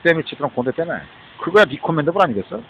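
A man's voice: on the high side, expressive, racing, fairly bright tone, dull audio, slight background noise. A man talking in a rambling monologue, switching between Korean and English and often breaking off with a questioning "huh?". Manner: rambling, mixes Korean and English, keeps asking "어?".

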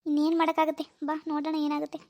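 A voice artist playing a lovesick young village man in a cartoon, pleading softly with his mother. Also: high voice, completely flat delivery, rapid-fire. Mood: nervous. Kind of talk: animated village drama.

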